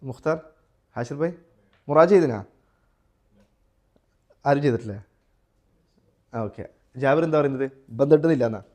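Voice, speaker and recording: A man with a Malayali accent teaching a Quran recitation class, quizzing his students and chanting example verses slowly. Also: on the high side, a little mellow. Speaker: tajweed teacher. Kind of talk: live class lesson with students.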